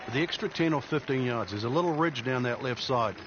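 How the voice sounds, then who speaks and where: A man acting as an easygoing golf commentator, the analyst in a sports video game, chatty and explanatory. His mid-pitched voice comes through slightly dull, over clear background noise. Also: lively intonation, brisk, a crowd in the background, natural voice.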